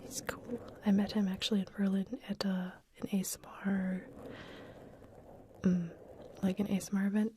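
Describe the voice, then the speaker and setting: Softly whispering woman, mellow ASMR host. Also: medium pitch, level tone, normal speed, pauses often, a little hiss or hum. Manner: soft unvoiced whisper, reading out chat questions and answering them; chatty with frequent fillers and restarts. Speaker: ASMR channel host answering live chat. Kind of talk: whispered ASMR live stream Q&A. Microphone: ASMR microphone with wind guards.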